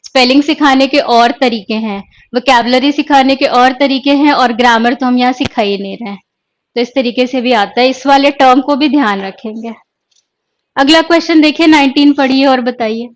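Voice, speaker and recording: A woman's voice: high voice, normal speed. A woman teaching an exam-prep lesson online, explaining step by step and mixing English terms into her talk. She keeps asking questions and answering them herself.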